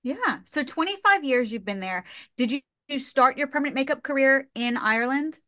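A woman's voice: sits high, lively intonation, normal speed, sharp tone, no room sound, clean studio sound. A woman in her thirties hosting a podcast over a video call, upbeat and enthusiastic. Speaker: podcast host. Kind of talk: podcast interview. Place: small studio room.

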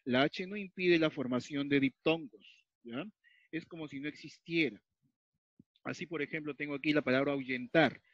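A grammar teacher from Peru explains rules step by step as he writes on a whiteboard or tablet, repeating key points and frequently checking that the class follows. He speaks at a moderate pace in a high-ish voice. The recording is dull, lo-fi and dry, with no echo.

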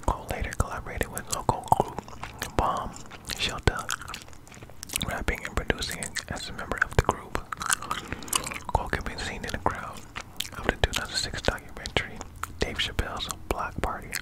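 A young man whispers softly as an ASMR host, reading aloud close to the microphone while chewing gum. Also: moderate pace, pauses often, poor audio. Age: young adult. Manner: soft, unvoiced whisper throughout. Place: small indoor room. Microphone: close condenser microphone with furry windscreen.

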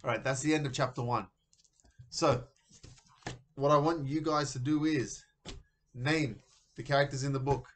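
A man's voice: mid-range voice, normal speed, long pauses, slight background noise. Man reading a story aloud to students. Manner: steady storytelling, then upbeat classroom instructions. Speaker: teacher.

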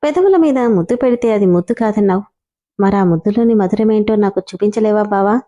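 A woman's voice: mid-range voice, brisk, mellow, lightly acted. A woman voicing a playful, affectionate young wife who coaxes and pleads with her husband. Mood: coaxing. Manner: coaxing, pleading.

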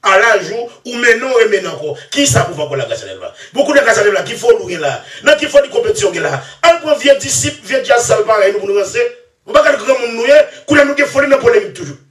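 A man talking in a rambling, excitable way, laughing often and trailing off into mumbles. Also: very high voice, quick pace. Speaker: musician interviewee. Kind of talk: animated rambling interview talk. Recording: echoey room, far from mic.

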